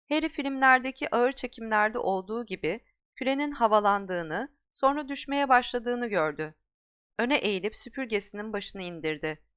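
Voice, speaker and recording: A woman's voice: mid-range voice, a bit bright, clear, resonant tone. A woman reading an audiobook as a narrator, telling the story expressively. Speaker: audiobook reader.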